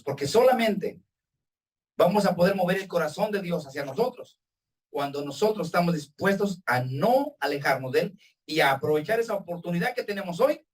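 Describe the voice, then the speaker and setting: A man preaching a sermon to his congregation as their pastor, with emphatic swings in pitch and loudness, calling them brothers. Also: breathy edge, recorded from a distance. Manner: addresses the congregation directly as brothers. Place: church hall with congregation and Zoom viewers.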